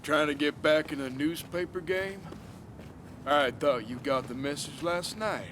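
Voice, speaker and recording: A man's voice: fairly high pitch, unhurried, a bit bright, slight background noise. An actor playing a menacing male thug who taunts and threatens. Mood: taunting.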